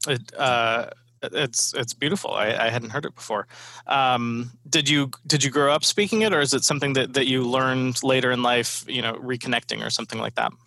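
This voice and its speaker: A man hosting a podcast interview in a casual way, with halting, hesitant phrasing. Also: medium pitch, creaky, bright, forceful tone. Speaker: podcast host.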